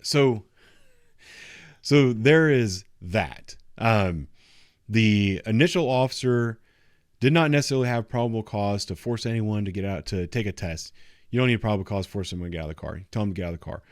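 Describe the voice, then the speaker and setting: A man's voice: lowish voice, fairly quick, dry recording, clean studio sound. A man giving unscripted, instructive commentary on video footage in a matter-of-fact way. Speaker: commentator reviewing police footage.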